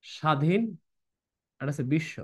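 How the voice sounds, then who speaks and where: A man, teaching an admission-prep lesson who repeats each rule and keeps asking if everyone is clear. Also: on the high side, a little slow, a bit bright. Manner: repeats rules, checks if students are clear.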